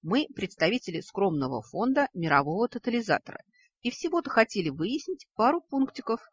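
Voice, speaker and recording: A woman reading a story, voicing a tall, thin, politely flattering male creature who smooths over every quarrel. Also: mid-range voice, fairly quick, dry recording, muffled recording, voice pushed up.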